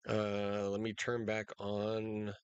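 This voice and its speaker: A man hosting live storm coverage in a casual, unscripted, halting way, speaking directly to his viewers. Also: lowish voice, completely flat delivery, clean tone, no echo, muffled recording. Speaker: storm-coverage livestream host.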